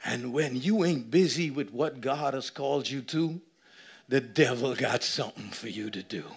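A man in his thirties preaching a lively sermon on a church stage, swinging from shouts to low asides and acting out little scenes. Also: normal speed, husky. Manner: animated preaching, shifting between loud shouts and low asides. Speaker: pastor. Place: church stage with a seated audience.

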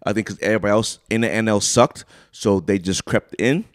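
A man's voice: on the low side, brisk, dry recording, clean studio sound. A man co-hosting a casual sports podcast, talking straight to his listeners with hyped-up energy. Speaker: podcast co-host. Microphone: studio microphone.

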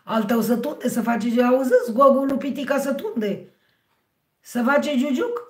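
A middle-aged woman with a hoarse, husky voice, hosting a livestream and chatting with her viewers by name. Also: a little high. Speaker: livestream host. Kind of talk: casual livestream chat with viewers. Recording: roomy, echoey sound.

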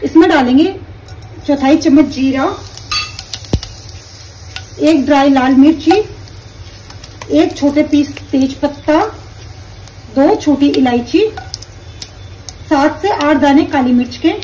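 A woman calmly explaining each step of a recipe while she cooks at her stove at home. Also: high-pitched, slow pace, long pauses, distant mic, slight background noise, low-quality recording. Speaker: home cooking teacher. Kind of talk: step-by-step cooking instruction.

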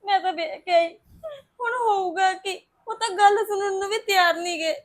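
In a Punjabi web series, an actress plays a distressed young wife, worried and tearfully pleading for justice. Her voice is extremely high-pitched and brisk.

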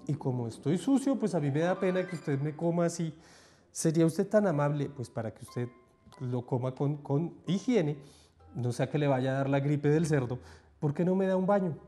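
A man voicing a tiny, cunning male piglet who pleads and wheedles in a squeaky voice. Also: lively intonation, normal speed, dark tone, soft background music, natural voice. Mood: wheedling.

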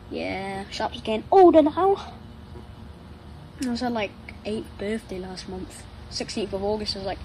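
A nine-year-old child vlogger, warm in tone and medium in pitch, rambles fondly and playfully to a pet dog. The recording happens outdoors on a patio chair amid noisy surroundings.

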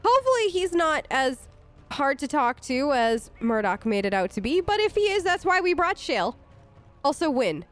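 Role-playing through a video game as a let's player, a woman offers chatty, reassuring in-character commentary and thinks aloud. Her high voice swings widely in pitch at a moderate pace, with faint music behind her on a close, dry voice-over mic.

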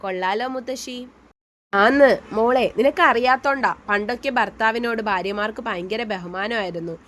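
Storybook reading: a kindly grandmother in her seventies, read by a woman, soothing and lecturing, slightly high. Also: moderate pace, fairly bright tone, a little hiss or hum, natural voice. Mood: fond advising. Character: elderly grandmother, gentle and advising.

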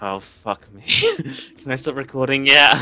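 A man's voice: mid-range voice, moderate pace, bright, forceful tone, clean tone. A young man, nervously commenting and swearing while playing a horror game for viewers. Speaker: gaming video host.

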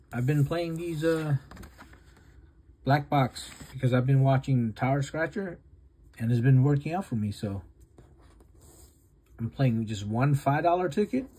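A man with the hiccups casually narrating as he scratches lottery tickets, reading off the numbers one at a time in a low-key way. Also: mellow, a little hiss or hum. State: has the hiccups.

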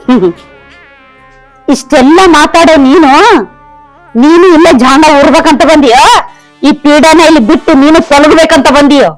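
A woman's voice: high-pitched, soft background music, lightly acted, rough recording. A woman with a North Karnataka Kannada accent playing a haughty, scornful middle-aged stepmother-in-law in a village comedy skit. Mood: taunting. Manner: taunting, sneering, drawn-out scolding. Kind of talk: village comedy drama acting.

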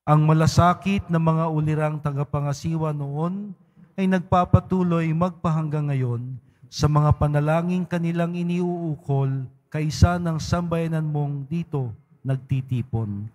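Male priest praying slow and solemn, kinda high voice, long church echo. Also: a little mellow. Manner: solemn, measured recitation. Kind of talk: leading mass prayers. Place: large church.

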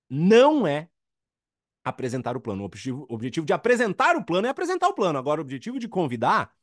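Brazilian male trainer, high animated voice, punchy repeated points, dry close sound. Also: dry recording. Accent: Brazilian Portuguese. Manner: emphatic, repeats key points, acts out quoted dialogues. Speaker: network marketing trainer. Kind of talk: motivational training talk.

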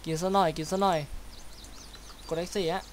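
A man talks his way through a game session in a casual, chatty let's-play style. His voice sits a little high, and he peppers his talk with playful mouth sound effects. Game sounds play loudly underneath. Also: flat delivery, moderate pace, background noise. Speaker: gaming YouTuber. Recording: loud game sounds behind voice.

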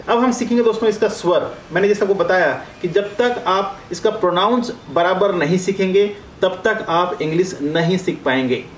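High-voiced man teaching in an echoey room. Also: a little hiss or hum. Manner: explains step by step, addressing viewers as friends, drawing out vowel sounds. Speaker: career coach teaching English. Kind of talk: classroom-style lesson.

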